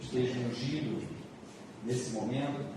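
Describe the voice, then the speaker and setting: A man with a Brazilian accent preaching a church sermon as a pastor, repeating phrases with drawn-out emphasis. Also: medium pitch, fairly even intonation. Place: large reverberant church room. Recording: echoey hall, distant mic, noisy.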